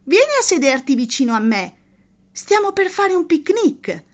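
A woman voicing a bubbly, welcoming fairy girl who speaks eagerly and quickly. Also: high-pitched, big pitch swings. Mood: excited.

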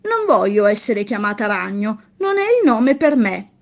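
A woman's voice: mid-range voice, very animated, measured pace, highs cut off. A woman voicing a sad, stubborn little fairy who has no name, refusing each offer firmly. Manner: firm, plaintive refusals.

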